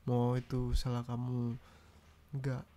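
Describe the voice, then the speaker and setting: A man's voice: mid-range voice, completely flat delivery, takes it slowly, mellow, a little hiss or hum. A young man doing an ASMR boyfriend role-play, talking in a pouty, nagging way close to the mic. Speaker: ASMR roleplay creator.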